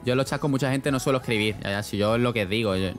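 Young male streamer, loose rambling chat to viewers, medium pitch, soft music bed. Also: very fast. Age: young adult. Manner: rambling, slangy, laughs often. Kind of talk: casual chat reading live chat.

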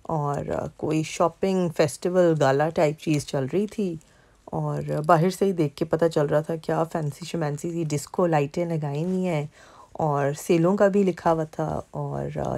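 Low and mellow, this woman's voice carries a casual vlog from Pakistan, narrating mall footage. She chats easily and leans on frequent fillers.

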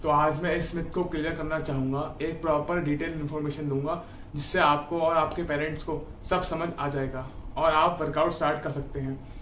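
Talking straight to the camera from his bed in a small home room, a twenties-aged Indian fitness YouTuber offers earnest, encouraging tips at a normal speed. His fairly high, fairly bright voice barely moves in pitch. A camera mic a few feet off gives echoey room sound and slight background noise.

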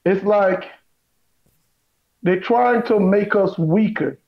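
A man with a high voice lays out his points with emphatic, sermon-like weight. He slows down to repeat his key lines. The recording sounds dull and lo-fi. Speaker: guest. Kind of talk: preachy conversation.

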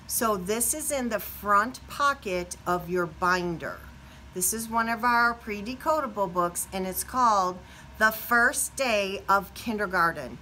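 A middle-aged American kindergarten teacher leads a read-aloud in a small indoor classroom, speaking playfully to young children. Her medium-pitched voice keeps a measured pace, animated with exaggerated questions and reactions, and the poor audio carries a little hiss or hum.

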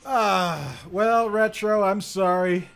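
A man hosting a casual gaming stream, excitable and laughing often as he plays and reads viewer comments. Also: high-pitched, slow, faint music behind. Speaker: streamer host.

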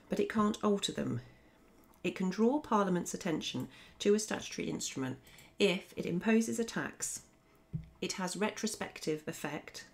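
A woman narrating a scripted law revision lesson as a voice-over, explaining in a clear, methodical way. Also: fairly low pitch. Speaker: law teacher.

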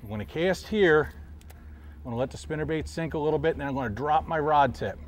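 A middle-aged man, a professional angler, calmly explaining his technique while fishing from a boat on a river, recorded outdoors on a lapel mic. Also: a little high, fast. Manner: calm, explanatory, talks while casting. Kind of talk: instructional fishing commentary. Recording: faint outdoor noise.

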